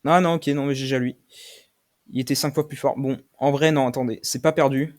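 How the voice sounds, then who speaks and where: A young man commentating his own game play, swearing often and shouting when he loses. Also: mid-range voice, fairly even intonation, fairly quick. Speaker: gaming streamer.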